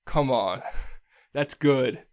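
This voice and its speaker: Lively man talking through a movie. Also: medium pitch, drawn-out words. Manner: lively, recounts scenes in detail. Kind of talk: casual movie discussion.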